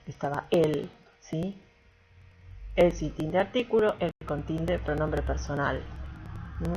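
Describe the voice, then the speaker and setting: A woman teacher walks through a grammar lesson with a low, slightly husky voice. She explains patiently, point by point, and often checks in to make sure the class is following. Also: darkish tone, poor audio.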